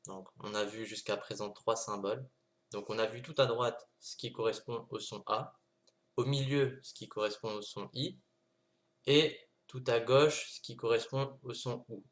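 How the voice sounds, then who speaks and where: A man's voice: medium pitch, steady tone, normal speed. A man giving an online lesson on Arabic letters, talking patiently and repeating his points, sounding out clipped consonants again and again. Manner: patient, repeats points with many "donc" and "d'accord". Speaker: Arabic teacher.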